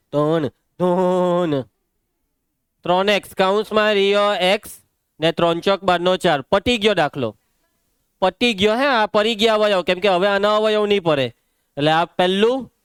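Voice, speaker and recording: A young man with a Gujarati accent leads a maths class in a brisk, commanding way, questioning pupils by name and hushing them when they chatter. His voice sits high and stays smooth and clear. The recording is dry and close, with no room echo. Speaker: maths teacher. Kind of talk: live classroom lesson.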